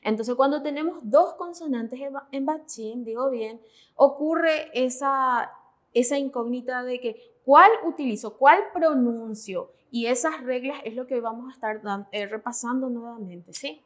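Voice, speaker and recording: Her high voice moving at a measured pace, a woman from Paraguay gives a classroom lesson on Korean pronunciation, delivered in Spanish. She is methodical and often pauses to make sure her students are following.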